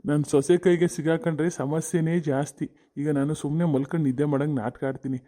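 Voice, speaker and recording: A man's voice: a little high, steady tone, fast talker, mellow, lightly acted. A man voicing a weary, put-upon older village husband in a cartoon comedy, grumbling and exasperated.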